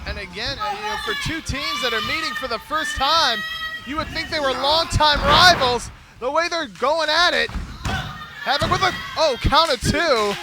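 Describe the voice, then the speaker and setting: A man doing excited live wrestling play-by-play as a commentator, often breaking into exclamations and shouts. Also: extremely high pitch, normal speed, noisy background. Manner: exclamatory, shouting at the big moves.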